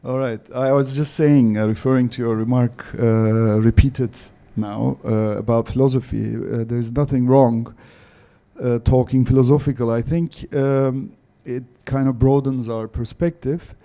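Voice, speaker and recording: A male panelist answers audience questions slowly and haltingly, filling pauses with "uh" and "um". His voice is very dark and mellow, and he takes his time. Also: medium pitch, steady tone, smooth. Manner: slow, halting, many fillers. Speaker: panelist, former diplomat.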